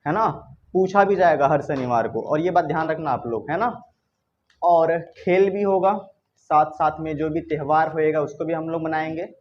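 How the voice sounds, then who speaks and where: A male teacher runs an English lesson in a classroom, lively and coaxing, firing questions at his students and repeating them. The recording is slightly muffled, with a faint hum underneath. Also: fairly high pitch, moderate pace.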